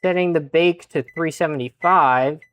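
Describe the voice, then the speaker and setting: A man streaming himself cooking, chatting casually with deadpan, self-mocking asides and muttering to himself as he works. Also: fairly high pitch, normal speed, clear, resonant tone. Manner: mutters to himself while working. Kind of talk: casual chat while cooking.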